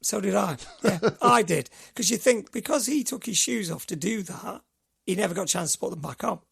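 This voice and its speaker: A man's voice: high voice, expressive, a little fast, gravelly, a bit bright, husky. A middle-aged man co-hosting a podcast, telling rambling stories in casual chat. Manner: chatty, rambling storyteller. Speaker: podcast co-host.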